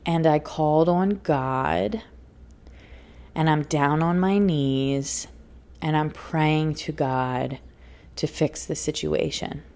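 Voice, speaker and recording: This podcast host and life coach takes her time in a solo motivational episode about spiritual self-help, her voice sitting low and a little mellow. Earnest and emphatic, she laughs often and repeats phrases for emphasis.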